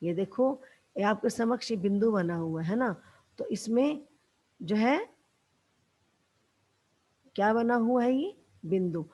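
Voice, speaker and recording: A woman's voice: fairly high pitch, lively intonation, dark tone. A woman teacher giving a patient lesson to young schoolchildren, calling them "beta" and "bachche", with a Haryanvi accent. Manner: slow, patient, addresses pupils as beta and bachche. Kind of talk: classroom lesson for children.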